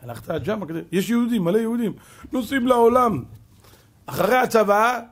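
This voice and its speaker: A man, a rabbi, giving a sermon as an animated storyteller who drops to a hush for suspense. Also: high voice.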